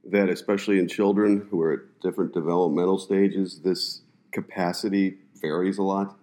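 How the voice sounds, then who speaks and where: A woman's voice: extremely low pitch, steady tone, normal speed, mellow. A woman interviewing a guest, giving brief affirmations and asking short follow-up questions.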